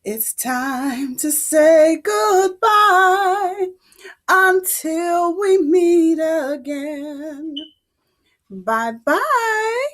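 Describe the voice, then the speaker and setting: Give me a woman playing an overbright, high-pitched kids' party host. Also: lively intonation, very slow, a bit bright, faint music behind, heavily acted. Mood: sing-song, affectionate. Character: Dazzleberry, overbright, cheery kids' show host. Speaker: children's show host teaching letter sounds. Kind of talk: children's show presenting with sing-song greetings.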